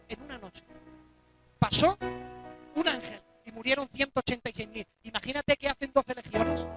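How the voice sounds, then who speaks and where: A preacher delivers a dramatic sermon in a church, his voice pitched high. He punches some lines out at full force and drops others to a near-hush. Music plays clearly behind him. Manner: emphatic, dramatic, swings between loud exclamations and hushed asides.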